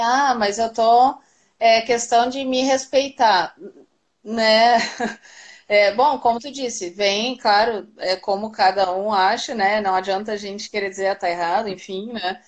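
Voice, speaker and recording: A woman's voice: fairly high pitch, fairly even intonation, measured pace. A woman in a casual parenting chat who agrees and builds on what the other host says. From Brazil. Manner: agreeing, affirming.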